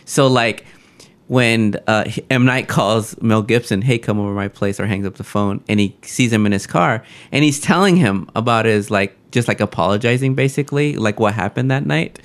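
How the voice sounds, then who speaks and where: A man's voice: on the low side, moderate pace. Enthusiastic man gushing about a film. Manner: enthusiastic, animated storytelling. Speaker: podcast co-host. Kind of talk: casual movie discussion.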